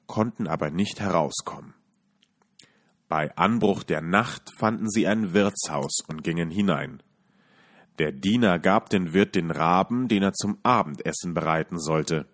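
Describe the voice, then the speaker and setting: A man calmly reading a fairy tale aloud as a podcast storyteller. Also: low-pitched. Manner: calm, measured reading.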